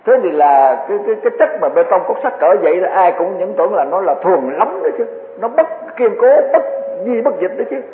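High-voiced man preaching. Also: very animated, a little fast, hardly any pauses, slight background noise. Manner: earnest, repetitive, vivid everyday examples. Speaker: Buddhist dharma teacher. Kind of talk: Buddhist sermon. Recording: tinny phone-like echoey hall.

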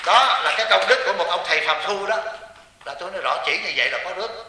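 A man's voice: high-pitched, animated, fast talker, distant mic, very noisy. A man preaching as a Buddhist monk to lay followers, joking and often asking the audience rhetorical questions. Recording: echoey hall with long reverb.

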